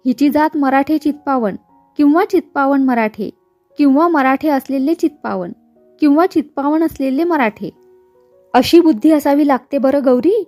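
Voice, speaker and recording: A haughty young college girl, sarcastic and taunting, as a woman reads her. The voice is high but warm and soft-edged. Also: close to an everyday voice. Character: mocking, haughty young female college student.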